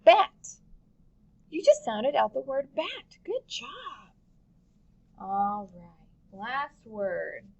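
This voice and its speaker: A woman teaching a phonics lesson to young children, drawing out each letter sound slowly and patiently. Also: on the high side, wildly swooping pitch, creaky, lo-fi sound.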